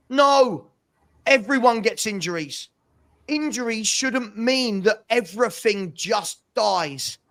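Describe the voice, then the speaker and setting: A man's voice: high-pitched, a bit bright. A man giving a passionate, exasperated opinion rant as a football fan pundit, hammering points home with emphatic repetition. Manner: emphatic, repetitive rhetorical delivery.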